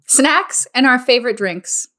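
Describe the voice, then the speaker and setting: A woman's voice: sits high, lively intonation, a little slow, pushed and bright. A woman in her twenties co-hosting a podcast, chatting casually and telling stories with playful teasing. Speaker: podcast co-host. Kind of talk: casual chat.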